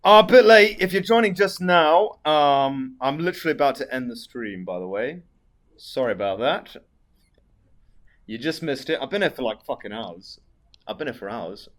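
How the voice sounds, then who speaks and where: A man's voice: mid-range voice, animated, moderate pace. A man with a posh British accent chats casually as a live streamer, reading out viewer messages in a dry, sweary manner. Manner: sweary, dry, tag questions.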